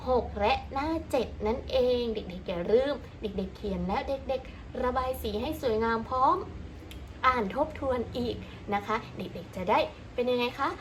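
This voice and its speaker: A woman's voice: a little high, background noise. A woman teacher giving a phonics lesson to children, asking them questions and coaxing them along. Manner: warm coaxing teacher talk with frequent fillers and questions.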